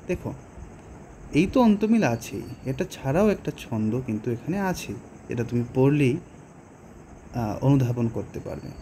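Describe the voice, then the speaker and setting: A man with a Bengali accent explaining a poem to students, slowly and patiently, with pauses and rhetorical questions. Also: medium pitch, big pitch swings, mellow, slight background noise. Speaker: teacher. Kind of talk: poetry lesson explanation.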